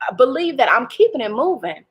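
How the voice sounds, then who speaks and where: A woman's voice: sits high, big pitch swings, fairly quick, slightly rough, lo-fi sound. A woman, talking candidly in a personal vlog, hurt and laughing ruefully through her restarts. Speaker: vlogger.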